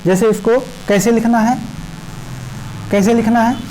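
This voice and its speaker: A woman teaching a primary school math lesson, explaining place values slowly and repeatedly checking in with the children. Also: on the high side, steady tone, dark tone, a little hiss or hum, rough recording. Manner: slow, repetitive explaining with frequent "ठीक है" checks. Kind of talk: class 5 math lesson in Hindi with English number words.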